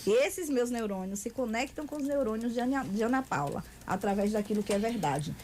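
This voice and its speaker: A woman author, a bit high for a woman, talks through a studio interview in a teaching manner. She lays out points with numbers and everyday examples, like someone giving a lesson. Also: expressive, brisk, a little mellow, a little hiss or hum. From Feira de Santana, Brazil. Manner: didactic, explains with figures and examples. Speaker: author and communication guest.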